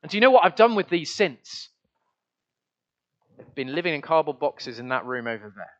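A man's voice: fairly high pitch, sing-song, normal speed, highs cut off. A man preaching a conversational, earnest sermon to his church. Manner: earnest, conversational, with many restarts. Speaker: pastor.

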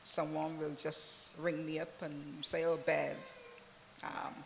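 A woman from Barbados, a church member, giving a soft, unhurried testimony in an interview. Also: deep voice, flat delivery, vocal fry, in a large hall, a little hiss or hum. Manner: soft-spoken, unhurried, many "really"s.

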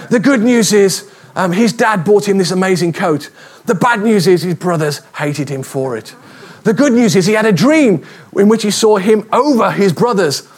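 Lively preacher telling stories. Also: male voice, sits high, breathy edge. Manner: lively, humorous, conversational. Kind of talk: sermon with storytelling.

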